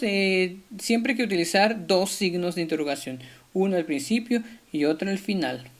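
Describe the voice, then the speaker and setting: A man, a primary school teacher, giving a friendly video lesson to children, speaking to the pupils directly with frequent hesitations. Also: high-pitched.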